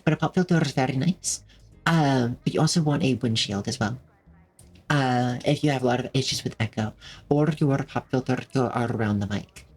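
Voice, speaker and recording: Husky-voiced streamer rambling to chat. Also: medium pitch, a little fast, soft background music. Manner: rambling, friendly, many fillers and restarts. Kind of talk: casual live-stream chat, reading chat. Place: home streaming setup with a creaky chair. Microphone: desk microphone with noise filters.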